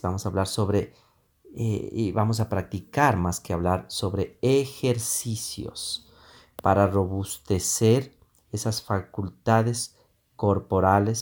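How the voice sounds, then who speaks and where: A man teaching a lesson on public speaking, explaining voice exercises deliberately with frequent pauses and fillers. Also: lowish voice, darkish tone. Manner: slow, deliberate instruction with hesitant fillers; demonstrates vocal exercises with sustained vowels. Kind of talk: voice training lesson.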